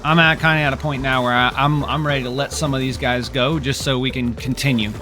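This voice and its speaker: A man's voice: medium pitch, fairly even intonation, brisk, over music. A man narrating his game as he plays, sarcastic and exasperated, grumbling at his characters. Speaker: gameplay streamer. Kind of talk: exasperated gameplay commentary.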